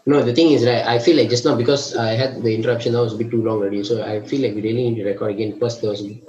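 A man's voice: medium pitch, fairly even intonation, racing, darkish tone. A young man with a Malaysian English accent, ranting casually to his friends and calling them bro. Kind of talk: casual chat among friends. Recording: roomy, muffled, faint background noise.

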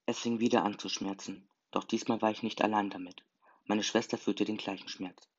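A man's voice: on the low side, steady tone, moderate pace, husky. A man narrating a first-person story in an earnest, emotional reading. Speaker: story reader. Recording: slightly dull lo-fi recording.

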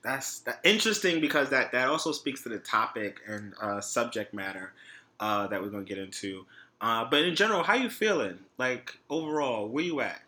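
A man hosting a podcast in an informal, conversational way, often pausing and adding little tags as he talks. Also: mid-range voice, expressive, sharp tone. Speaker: podcast host. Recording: faint background noise.

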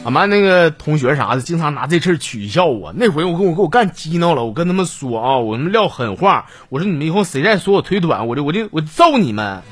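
A man's voice: on the high side, sing-song, fast talker, hardly any pauses, husky, soft background music. A man with a Northeastern Chinese accent who hosts a comedy show, reading listener stories aloud in a jokey, teasing way and laughing at his own punchlines. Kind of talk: comedic storytelling.

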